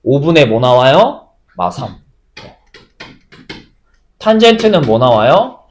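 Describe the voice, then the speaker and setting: A man teaching a high school math lesson, often asking the class questions and then answering them himself. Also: very animated, slow.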